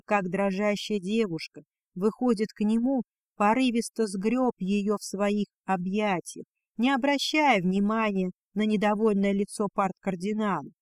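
A man reading a fantasy novel aloud as an audiobook narrator, in a steady storytelling manner. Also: high-pitched, dry recording, clean studio sound.

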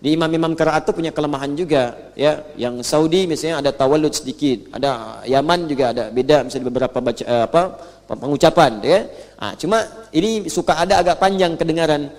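A man teaching Quran recitation to a live audience, drawing out the Arabic words slowly, then explaining in brisk everyday talk and getting the audience to repeat after him. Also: fairly high pitch, a little mellow. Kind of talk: religious lesson. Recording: reverberant hall.

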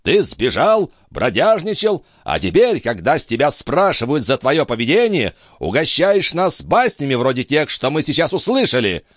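Furious old nobleman, shouting high and strained, as a male reader puts him on. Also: no room sound, clean studio sound, close to an everyday voice. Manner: roaring, raging. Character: old hot-tempered nobleman, furious father.

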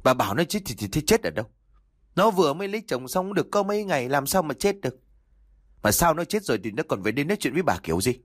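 A man's voice: fairly high pitch, big pitch swings, fast, no echo, clean studio sound, voice pushed up. A man voicing an irritable older village father who scoffs and snaps in a narrated story. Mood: irritated. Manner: snapping, scornful.

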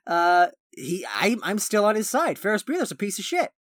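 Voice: mid-range voice, big pitch swings, normal speed, a bit bright, dry recording. Casual podcast co-host, opinionated, long asides, dry close-mic sound. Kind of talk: casual chat.

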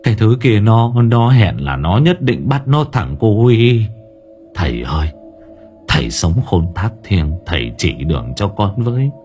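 A man's voice: fairly low pitch, big pitch swings, a little slow, darkish tone, soft background music. A man doing a desperate pleading old villager. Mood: pleading, frightened. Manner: pleading, shaken.

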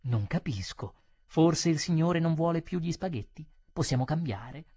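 A man's voice: animated, moderate pace, mellow, breathy edge, dry recording, studio quality. A man playing a sly waiter feigning innocence. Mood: feigned innocence. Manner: feigned innocence, low and mild.

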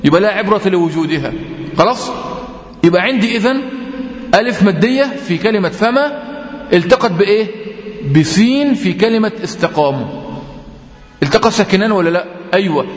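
A man with an Egyptian accent teaching Quran recitation rules, explaining patiently with lots of repetition and slowly drawn-out example readings. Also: sits high, animated. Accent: Egyptian Arabic. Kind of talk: tajweed lesson. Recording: echoey room with long reverb.

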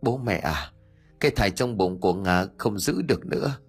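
A man's voice: lowish voice, expressive, moderate pace, husky, faint music behind. A man voicing a naive young husband who speaks in a soothing, choked-up way, in an audio story. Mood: soothing grief.

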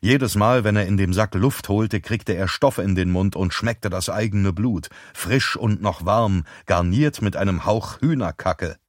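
A man narrates a gripping thriller audiobook in a steady, measured way. His voice sits low, and the recording is dry and close, with no room sound. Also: dry recording. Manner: tense, measured storytelling.

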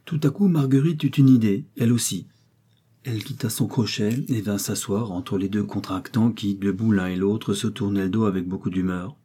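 A man narrating a classic novel as an audiobook in a measured, even way. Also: lowish voice, breathy edge.

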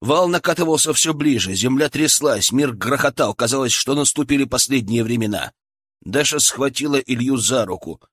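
Mid-pitched male audiobook narrator. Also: lively intonation, a bit bright, husky, no room sound, clean studio sound. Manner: measured, dramatic storytelling. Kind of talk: scripted narration.

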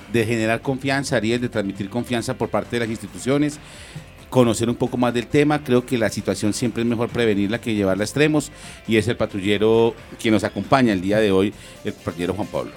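A man's voice: mid-range voice, fairly quick, soft background music. A man hosting a radio interview, asking questions in a friendly conversational way. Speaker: radio host.

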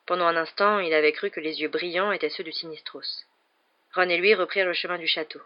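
A woman narrating an audiobook with an expressive reading. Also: on the low side, fairly quick. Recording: dull lo-fi recording.

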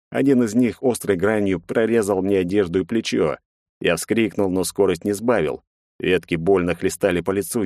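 A man with a very deep voice narrates a first-person fantasy audiobook. His telling is tense and measured. The recording is dry and close. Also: a little mellow, no echo.

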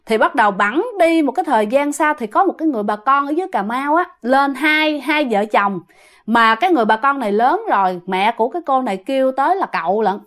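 A woman's voice: high voice, expressive, fast talker, fairly bright tone. A woman with a Southern Vietnamese accent telling a ghost story casually, often addressing her listeners directly.

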